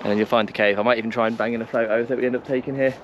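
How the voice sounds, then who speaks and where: On an open hillside, a young vlogger guiding a hike talks very fast in a steady, mid-range voice, action camera at arm's length, mixing directions with a few jokes in casual chat. The highs are cut off, with slight background noise.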